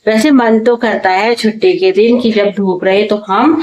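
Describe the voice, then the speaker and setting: In a casual home vlog, a talkative woman in her thirties from Uttarakhand, India, describes her day while tired and a bit unwell, admitting she's loud by habit. Her mid-range voice has fairly even intonation and a normal speed. The muffled audio, from small home rooms and the kitchen, switches from a clip-on mic to the phone camera without it.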